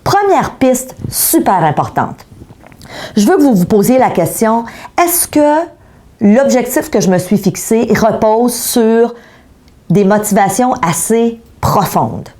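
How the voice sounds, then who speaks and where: A woman's voice: fairly high pitch, lively intonation, takes it slowly, dark tone. A middle-aged woman with a Québécois French accent gives an online coaching lesson, talking directly to viewers and asking them rhetorical questions. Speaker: motivational speaker.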